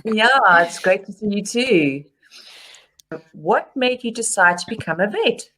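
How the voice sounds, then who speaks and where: A woman's voice: medium pitch, lively intonation, measured pace, bright, forceful tone. A woman hosting a charity web show, reading an upbeat prepared script. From South Africa. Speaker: show host.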